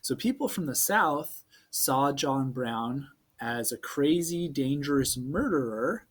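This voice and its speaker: Joking man in his thirties teaching history. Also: medium pitch. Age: 30s. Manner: joking, laughs at his own corny puns. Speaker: social studies teacher. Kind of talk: casual classroom video lesson.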